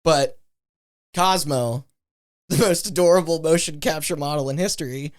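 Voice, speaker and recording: A man hosting a podcast in casual chat, halting with restarts and laughing often. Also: on the high side. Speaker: podcast host.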